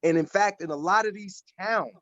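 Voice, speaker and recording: Man, 60s, emphatic activist panelist; slightly high pitch, dull dry video-call sound. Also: moderate pace, fairly bright tone, no echo. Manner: earnest, emphatic, repeats himself. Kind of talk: casual discussion on a video call.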